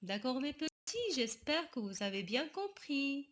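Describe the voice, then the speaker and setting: A woman teacher explaining a spelling rule to young children, addressing them directly and slowly. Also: high-pitched, animated, a bit bright.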